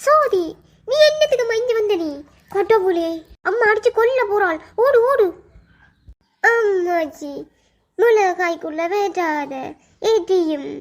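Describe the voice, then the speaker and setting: A woman with a Sri Lankan Tamil accent voicing a caring little girl who pleads eagerly in a shrill voice in a cartoon. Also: expressive, normal speed. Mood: upset.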